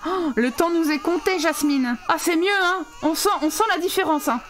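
A young woman doing let's play commentary, excitable, often laughing and yelling at the game with casual swearing. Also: very high-pitched, moderate pace, a little hiss or hum. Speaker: gaming channel host.

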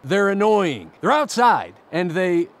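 A man's voice: high-pitched, sing-song, slow pace. A middle-aged man delivering a scripted comedic monologue, ranting sarcastically and mocking people. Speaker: comedic outdoorsman host.

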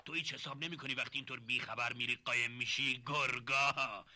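An actor playing a sly, smooth-talking older relative who coaxes and confides in hushed tones in a 1970s TV drama. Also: male voice, medium pitch, steady tone, slight background noise. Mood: coaxing.

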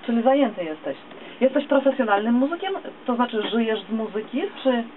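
A woman's voice: fairly high pitch, expressive, brisk. A woman hosting a radio interview in a small studio, asking questions of a guest. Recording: dull lo-fi camera recording, clear noise.

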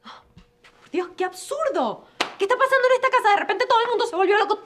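A woman's voice: sits high, moderate pace, slight background noise, close to an everyday voice. An actress playing a young woman begging a fatherly man not to leave, in a television drama. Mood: exasperated. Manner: pleading, exasperated. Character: young woman, desperate not to be left alone. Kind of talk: telenovela acting.

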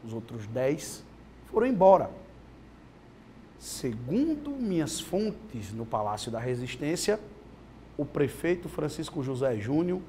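Um homem que faz comentários políticos opinativos num telejornal matinal, falando de forma enfática. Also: male voice, mid-range voice, darkish tone, slight background noise. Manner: emphatic, rising and falling for emphasis. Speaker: political commentator on a morning TV news show. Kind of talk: opinionated political commentary.

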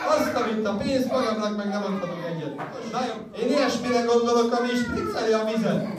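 A woman's voice: fairly high pitch, lively intonation, heavy background noise. A woman children's entertainer running a live party show, playful and teasing as she calls out to the kids. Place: large indoor hall with a crowd and music. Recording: echoey hall, far from the camera, loud crowd and music.

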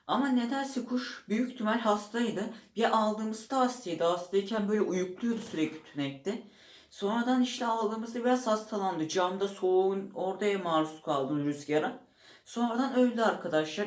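A man casually explaining how to keep a pet bird at home, rambling and stopping to search for words. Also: sits high. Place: room at home beside a bird cage. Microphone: handheld camera set up nearby. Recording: echoey room.

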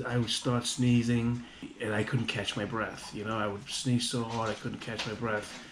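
A man speaks in a low, flat voice, casual and rambling, stopping and restarting his thoughts as he goes. Constant noise sits under the recording. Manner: rambling, halting, many restarts and fillers. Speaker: vlogger. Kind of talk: casual home remedy vlog. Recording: audible background noise.

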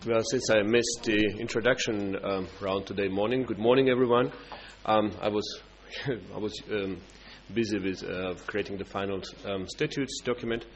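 Halting man, low voice. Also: steady tone. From Russia. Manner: halting, many fillers and restarts. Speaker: party international coordinator. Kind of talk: conference speech. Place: conference hall. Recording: dull conference-room recording with faint hum.

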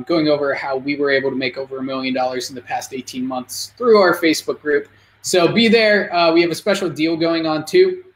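A man hosting a podcast, pitching an event and asking questions in a salesy way with many "uh" fillers. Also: fairly bright tone. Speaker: podcast host. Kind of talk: promotional pitch and interview questions. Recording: roomy echo.

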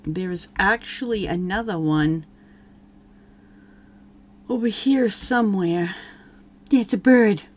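A woman hosts a let's play, giving relaxed gameplay commentary at an unhurried, slow pace. Her voice sits at an ordinary middle pitch. She chats along and speaks to her characters as if they could hear her. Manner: chatty, talks to her game characters.

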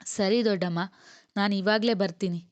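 A woman's voice: medium pitch, fairly even intonation, normal speed, darkish tone, no echo, close to an everyday voice. A woman voicing an eager dutiful young man.

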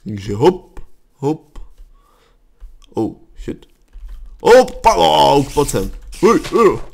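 Gravelly, excitable Czech gamer. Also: male voice, on the high side. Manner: excitable, jumps to yelps and curses when startled. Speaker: gaming channel host. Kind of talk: Let's Play commentary.

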